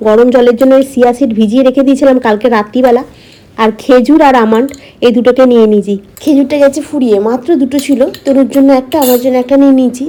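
A woman's voice: on the high side, mellow. A woman chatting casually to her viewers as a vlogger, explaining her daily routine, with a slight cold in her throat.

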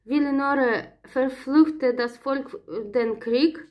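A woman's voice: high-pitched, fairly even intonation, takes it slowly, darkish tone. A woman reading a prepared lecture aloud from notes, with frequent hesitations and small self-corrections. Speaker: presenter of a literature talk.

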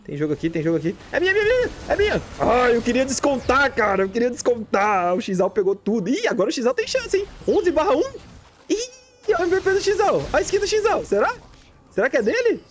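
Playing live, this man from Brazil streams with jokey, excited commentary, calling things out again and again and yelling when big plays land. He speaks briskly in a very high voice.

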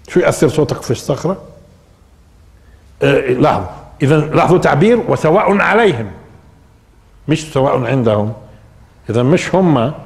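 Older Levantine preacher in a reverberant hall. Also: male voice, on the high side, darkish tone. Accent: Levantine Arabic. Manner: rhetorical questions, repeats key phrases for emphasis. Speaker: Islamic preacher and teacher. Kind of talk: spoken Quran interpretation lesson.

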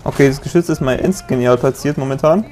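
A young man casually commenting on his gameplay, chatting, joking and yelling at the game now and then. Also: medium pitch, quick pace, a little hiss or hum. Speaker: let's play gamer.

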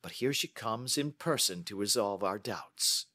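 A man's voice: fairly low pitch, expressive, a little slow, pushed and bright, no room sound, exaggerated voice. A man voicing a self-assured, analytical male detective in an audiobook. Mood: confident, analytical. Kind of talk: audiobook character dialogue.

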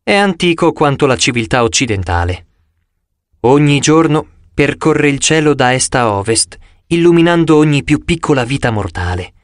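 Male reader as a swaggering sun god, teasing and breezy, lively swings in tone, dry close sound. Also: mid-range voice, moderate pace, dry recording, lightly acted.

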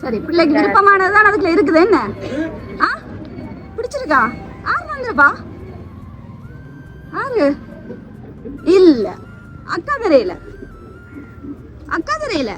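Brief: Sri Lankan Tamil woman, very high and lively voice, playful coaxing presenter, music and crowd behind. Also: unhurried, pauses often. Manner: coaxing, questioning, playful teasing. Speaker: surprise delivery presenter. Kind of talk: lively on-the-spot chat with a family.

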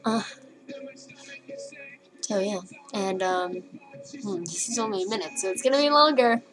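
A woman's voice: medium pitch, animated, a little fast, low-quality recording. A teenage girl recording a casual video message to a crush, giggly and nervous, rambling and swearing a lot. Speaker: vlogger. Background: faint music playing.

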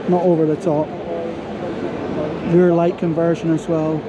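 A man's voice: fairly high pitch, little pitch movement, measured pace, dull audio. A man vlogging a car show walkaround, pointing out details in short clipped remarks as he moves through a busy exhibition hall. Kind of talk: walkaround commentary. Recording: loud show-floor background noise.

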